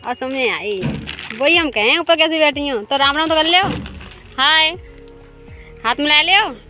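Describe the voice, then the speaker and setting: Chatty woman filming a farm vlog outside, high bright voice, faint music behind. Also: expressive, measured pace. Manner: chatty, laughs often. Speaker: vlogger. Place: outdoors in rural fields.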